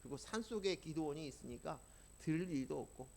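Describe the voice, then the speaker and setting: Gravelly-voiced Korean pastor preaching. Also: male voice, a little high, expressive, brisk, darkish tone, a little hiss or hum. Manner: earnest storytelling, rising emotional emphasis. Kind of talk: sermon with personal testimony.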